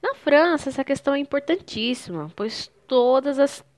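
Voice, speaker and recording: A young woman from Brazil, with a Brazilian Portuguese accent, gives a French lesson. Her voice sits a little high, and she explains patiently while mixing in French phrases. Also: animated, normal speed, a little mellow. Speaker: French teacher. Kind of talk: online language lesson.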